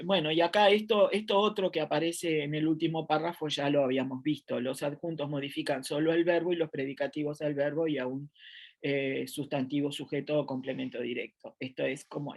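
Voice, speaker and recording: A middle-aged woman with a Uruguayan Spanish accent teaches a grammar lecture from home, sitting in a chair. Her low voice holds a steady tone and runs a little fast. She thinks aloud with many fillers and restarts.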